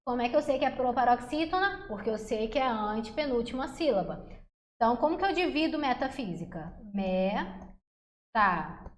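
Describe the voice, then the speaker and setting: A young woman with a bright, high voice gives an energetic, chatty online grammar lesson. She talks to her viewers like friends. Her voice rings a little in an echoey room. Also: fast, a little hiss or hum. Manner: chatty, energetic, calls viewers "meu amor" and "galerinha". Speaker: Portuguese teacher.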